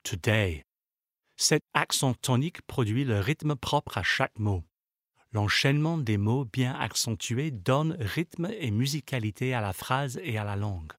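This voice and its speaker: Male instructor voice for a language course, unhurried, word-by-word delivery, dry studio read. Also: medium pitch, expressive, dry recording. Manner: slow, measured, reads out example words one by one. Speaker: language lesson narrator. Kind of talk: scripted instructional narration.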